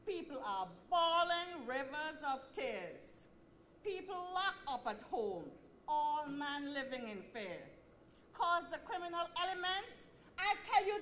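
A woman's voice: sits high, fairly bright tone, a little hiss or hum. A woman, an assistant principal, giving a dramatic poetry recital with rhythmic, pleading declamation and swelling emphasis. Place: school auditorium.

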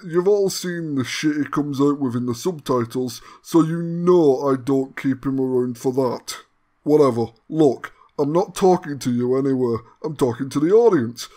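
Man, gaming host, sardonic banter, slightly high voice. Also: darkish tone. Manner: sardonic, mock-grandiose banter. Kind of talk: comedic channel announcement.

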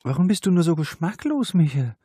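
A man voicing a tense young female library worker, raising his husky voice high for her upset, pleading lines. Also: big pitch swings, brisk, mellow, dry recording, studio quality, exaggerated voice.

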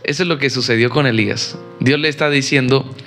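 A man's voice: medium pitch, steady tone, brisk, fairly bright tone, soft background music. A man preaching a sermon in an emphatic style, acting out the people he quotes.

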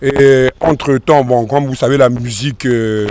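A man in his thirties from France, a rapper, talking in a relaxed, rambling way in an outdoor interview into a handheld mic. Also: medium pitch, unhurried, noisy background. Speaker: rapper guest. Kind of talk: casual interview answers. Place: outdoors by a river in a park. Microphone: host's handheld mic.

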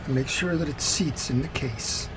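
Medium-pitched and speaking at a moderate pace, a man gives a tutorial on repairing fishing reels as he works at an indoor wooden workbench. He explains methodically and casually, step by step, over steady background noise.

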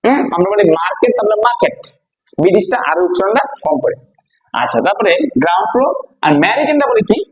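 A man's voice: sits high, very animated, fast, rough recording. A man from Bangladesh teaching a vocabulary lesson, repeating each word and quizzing his listeners with questions. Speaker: English teacher. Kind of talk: classroom-style vocabulary lesson.

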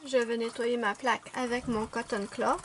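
High-pitched woman chatting through a nail tutorial, a little background hiss. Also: flat delivery, moderate pace, fairly bright tone. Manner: chatty, explains step by step with fillers. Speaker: nail art vlogger. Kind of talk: casual tutorial narration.

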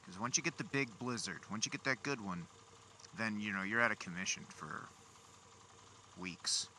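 Riding a motorcycle outdoors on city streets at night, a low-voiced motovlogger mutters casually to himself and grumbles wryly at traffic. His delivery is pushed and bright, with lively intonation at a normal speed, picked up by a small helmet-mounted mic and recorder that make him sound enclosed amid engine and traffic noise.

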